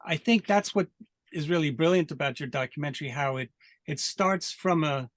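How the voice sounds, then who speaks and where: A man hosting a film Q&A, asking halting questions and giving frequent affirming hums. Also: a little high, fairly bright tone, no room sound, clean studio sound. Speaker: festival director and interviewer. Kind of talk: Q&A interviewing.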